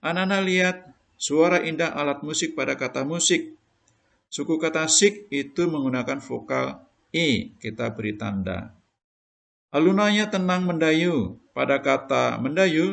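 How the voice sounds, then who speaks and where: A man's voice: on the high side, gravelly. A male primary school teacher giving a recorded lesson, explaining patiently step by step to children.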